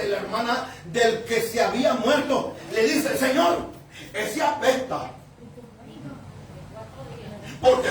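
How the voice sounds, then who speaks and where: A high-voiced male pastor reads from the Bible in a church sanctuary, conversational and often chuckling as he calls out to the congregation, then rising into sudden shouts for emphasis. The room is very echoey and the mic is far away.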